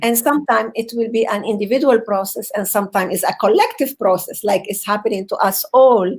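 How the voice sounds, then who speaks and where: Earnest woman psychotherapist speaking haltingly. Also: medium pitch, poor audio. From Venezuela. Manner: earnest, halting, repeats words as she searches for phrasing. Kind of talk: heartfelt motivational speech.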